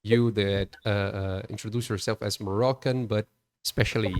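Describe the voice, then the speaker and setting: Male interviewer, low voice, hesitant questioner who fills pauses with repeated "uh". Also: steady tone. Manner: hesitant, many repeated fillers. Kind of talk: interview questions in a second language.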